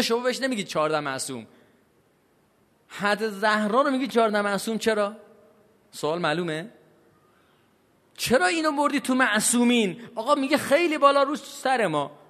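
High-voiced man lecturing in a hall. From Iran. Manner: asks the audience questions and answers them himself; pace and loudness swing widely, from slow stresses to quick asides. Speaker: cleric giving a religious talk. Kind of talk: lecture to a live audience. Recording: long hall reverb.

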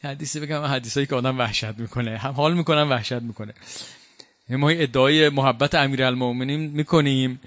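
A man giving a religious lecture in a conversational way, slowing down to recite quotations. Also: medium pitch, steady tone, a bit bright, no echo. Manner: conversational, slows down to recite Arabic quotes. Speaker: preacher.

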